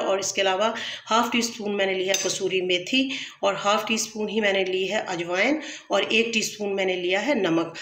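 Bright-voiced woman teaching a recipe. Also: medium pitch. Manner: patient instructive, frequent blessings and self-corrections. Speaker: cooking channel host. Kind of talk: step-by-step cooking tutorial. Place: home kitchen. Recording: echoey kitchen.

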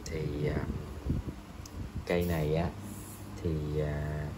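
A man reviewing a fishing rod in a hesitant voice-over, pausing often and filling gaps. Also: extremely low pitch, flat delivery, very noisy. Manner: slow, hesitant, many pauses and fillers.

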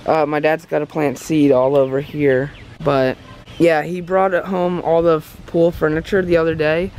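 A man's voice: fairly high pitch, little pitch movement, moderate pace, a little mellow, slight background noise, rough recording. A young man in his late teens chatting casually in a home vlog, rambling with lots of fillers and self-corrections. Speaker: vlogger.

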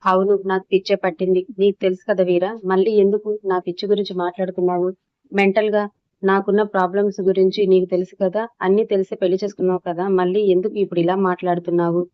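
A woman narrator reading the lines of a hurt, furious young wife in a storybook drama, delivered in a flat tone. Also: mid-range voice, quick pace, no echo, lo-fi sound, natural voice. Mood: angry. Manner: shouting angrily.

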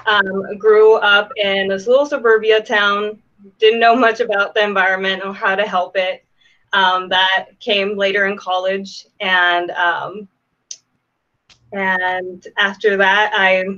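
A woman's voice: medium pitch, pushed and bright, lo-fi sound. A young woman from Southern California, a panelist introducing herself on a video call, hesitant and full of ums. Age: young adult. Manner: hesitant, many ums and restarts.

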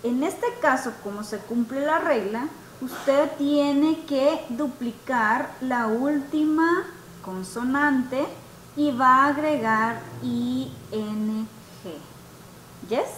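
High-voiced woman teaching slowly, echoey room. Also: fairly bright tone. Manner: slow, patient, mixes Spanish and English. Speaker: English teacher. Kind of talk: online class, explaining grammar. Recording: echoey room, faint background noise.

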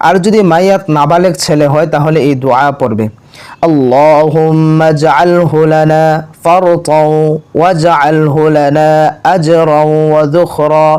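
A man with a Bangladeshi Bengali accent gives step-by-step religious instruction, speaking plainly and chanting the Arabic prayers slowly and carefully. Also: fairly high pitch, darkish tone, smooth. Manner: slow, measured chanting of prayers between plain explanations. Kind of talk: instructional video narration with recited prayers.

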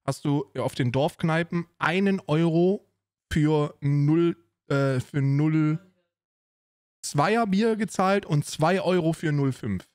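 A man's voice: fairly high pitch, slow, a little mellow, no room sound, clean studio sound. A man streaming a casual reaction commentary, talking bluntly in slang and ranting.

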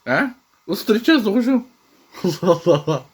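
Vlogging casually from a village house kitchen, a man chats and teases, often breaking into laughs. His voice is high-pitched and husky, brisk, with big swings in pitch.

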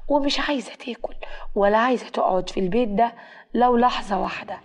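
A woman with an Egyptian Arabic accent narrating a scripted story in a steady storytelling manner. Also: on the high side, fast.

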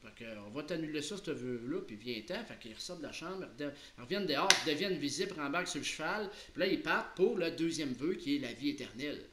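Animated Québécois storyteller, male, slightly high voice, roomy echo. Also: quick pace, few pauses, heavy background noise. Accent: Québécois French. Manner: lively, colloquial, playful. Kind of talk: casual oral storytelling.

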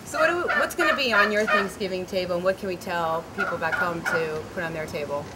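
A woman's voice: on the low side, fast. A woman in her thirties hosting an interview in a barn, bubbly and friendly. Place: barn with hay, indoors. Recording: loud background noise, turkeys gobbling.

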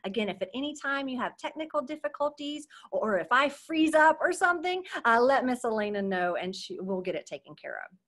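A woman's voice: high voice, lively intonation, a little fast, few pauses, a bit bright. A young adult woman teaching an online marine science lesson to children over a video call, in an upbeat, chatty teacher voice that keeps checking in with "okay?". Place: at home.

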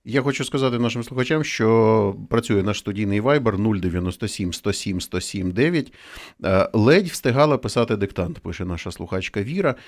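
A man hosting a live radio talk show, reading out listener messages in a relaxed conversational way. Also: on the low side, fairly quick. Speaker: radio host.

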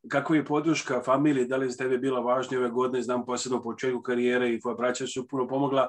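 A man's voice: mid-range voice, flat delivery, rapid-fire. A male reporter asking long, rambling press conference questions.

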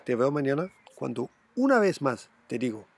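A man's voice: mid-range voice, very animated, normal speed, vocal fry, no room sound. A middle-aged man hosting a crypto channel from home, talking casually to camera and squealing when he mimics panicked buyers. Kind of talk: casual direct-to-camera talk.

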